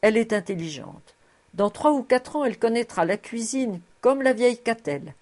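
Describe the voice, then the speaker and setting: A woman's voice: fairly high pitch, lively intonation, moderate pace, darkish tone, voice pushed up, close to an everyday voice. A woman voicing a shrewd, kindly old male rabbi who speaks in a fond, knowing way and pleads for others.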